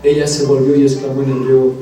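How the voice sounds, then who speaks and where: A man's voice: medium pitch, monotone, fast talker, warm tone. A male preacher giving an emphatic sermon in a church, calling the congregation his brothers. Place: church hall. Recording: echoey hall, mic from a distance, faint music.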